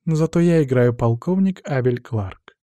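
A man voicing a vengeful young woman who speaks slowly and mockingly, with quiet menace. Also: mid-range voice, animated, dry recording, close to an everyday voice. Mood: cold menace.

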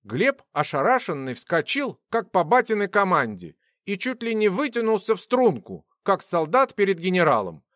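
Man reading a fantasy audiobook, higher voice, super dry close sound. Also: normal speed, few pauses, no echo. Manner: expressive storytelling. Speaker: audiobook narrator. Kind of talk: scripted fantasy narration.

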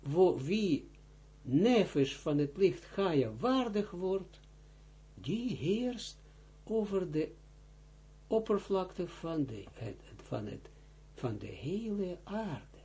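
A male rabbi leads a slow text study, reading out Hebrew and Aramaic phrases and explaining each one. His voice sits high for a man but sounds dark and a little husky. He restarts phrases often and keeps urging listeners to pay close attention. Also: sing-song. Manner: reads Hebrew and Aramaic phrases, then explains them in Dutch; halting, with restarts. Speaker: rabbi teaching Zohar. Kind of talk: line-by-line text study lesson.

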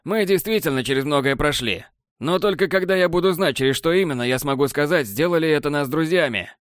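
A man's voice: a little high, no room sound, studio quality, voice pushed up, close to an everyday voice. Man doing a raised-voice wary stalker. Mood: guarded. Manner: calm, placating, measured. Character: steady, wary male stalker leader.

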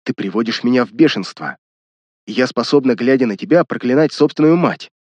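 A man's voice: mid-range voice, animated, brisk, no echo, highs cut off, lightly acted. Man doing a young woman captive, indignant, defiant, voice swinging a lot, dry recording. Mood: furious. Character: desperate young woman defying her brothers.

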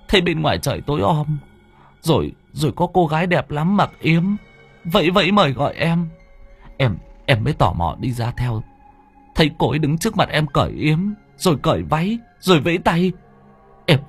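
A panicked young village man, as a male narrator puts him on, stammering in a high, shaky voice. He pleads in broken, hurried bursts, his pitch swinging wildly. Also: slightly rough, full character voice.

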